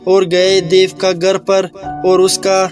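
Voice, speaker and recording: High, flat-voiced man telling a folk tale. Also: faint music behind. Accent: Pakistani Urdu. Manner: plain, conversational retelling with restarts. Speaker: storyteller. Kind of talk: casual oral storytelling.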